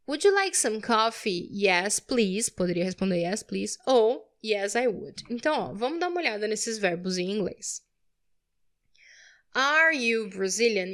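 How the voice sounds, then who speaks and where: A woman's voice: on the high side, fairly bright tone. A woman teaching English grammar to Portuguese speakers, explaining patiently and checking understanding with frequent tag questions. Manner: explains patiently, tags phrases with "né?" and "tá?". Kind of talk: online grammar lesson.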